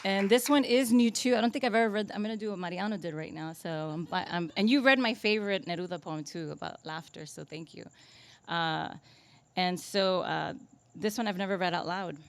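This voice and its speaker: A poet with a fairly low voice reads at a coffee shop, taking her poems at a deliberate, measured pace. In the gaps she talks casually and self-deprecatingly.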